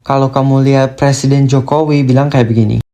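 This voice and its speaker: A voice announcing each topic with short, flat prompt-style lines. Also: medium pitch, a little fast, a little hiss or hum.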